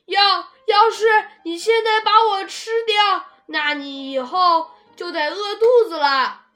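A woman's voice: extremely high pitch, slow pace, a bit bright, faint music behind, pitched above the performer's own voice, full character voice. A woman voicing a timid, tearful baby spinosaurus boy in a picture-book read-aloud, childlike and pleading.

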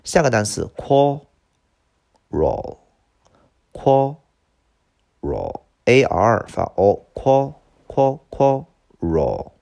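A middle-aged man teaching English vocabulary, stumbling over filler words and slowly repeating each word he teaches. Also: deep voice, vocal fry, a little mellow. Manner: lots of "这个" filler, drawn-out slow repeats of words. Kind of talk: vocabulary lesson.

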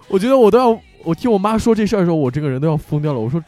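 A man's voice: sits high, rapid-fire, faint music behind. A young man hosting an audio show, telling funny stories in casual chat and laughing often. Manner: animated storyteller who laughs often. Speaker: show host.

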